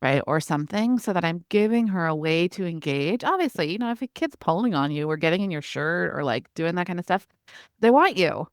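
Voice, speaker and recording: A middle-aged woman talks through parenting advice in a relaxed interview, slipping into animated quoted asides. Her voice sits a little low for a woman. The sound is dry and close to the mic, with no room around it. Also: clean tone, no echo. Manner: animated, acts out parent-child exchanges in quick quoted asides. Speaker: parenting expert guest. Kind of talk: conversational interview.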